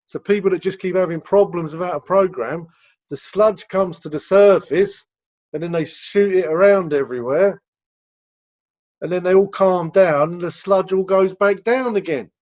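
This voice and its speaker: A man's voice: high-pitched, normal speed, a little mellow. A man with an English accent answering questions as a rehab director on a video call, explaining at length and repeating words as he goes. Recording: dull lo-fi video call audio.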